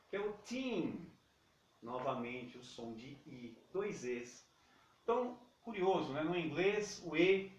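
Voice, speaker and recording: A Brazilian man teaching English pronunciation in Portuguese. He repeats each word slowly and keeps checking in with his students. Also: a little high, echoey room, distant mic. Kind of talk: pronunciation lesson.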